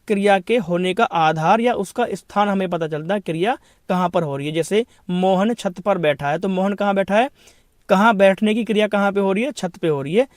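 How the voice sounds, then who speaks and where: A man with a high voice teaches an exam-prep grammar lesson. He poses questions and answers them himself, repeating each point. The recording is dry and close. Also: dry recording. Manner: explains then repeats each point, asks and answers his own questions; addresses students as brother.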